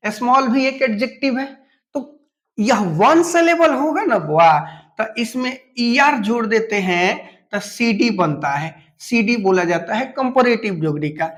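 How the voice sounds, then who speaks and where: Male teacher, high-pitched, deliberate and unhurried, patient step-by-step explainer who spells words letter by letter. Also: fairly bright tone. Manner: speaks to students familiarly and asks them questions. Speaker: English teacher. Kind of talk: classroom lesson.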